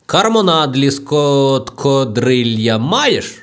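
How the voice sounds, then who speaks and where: A woman's voice: rumbling low, sing-song, slow, voice pushed down, heavily acted. A woman voicing a rowdy, swaggering male thug who bullies a tavern keeper in an audiobook, coarse and brash. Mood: demanding.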